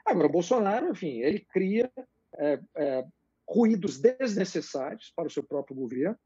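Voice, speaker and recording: Man, higher-pitched, husky, measured and hesitant, dull muffled audio. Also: big pitch swings, mellow, dry recording. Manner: measured, hesitant, many fillers. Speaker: political commentator guest. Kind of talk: live interview chat.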